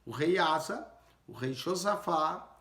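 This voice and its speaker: A man's voice: fairly high pitch, lively intonation, takes it slowly, fairly bright tone. A man, a pastor teaching through a Bible passage, explaining and repeating phrases and often tagging on short questions. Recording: roomy echo.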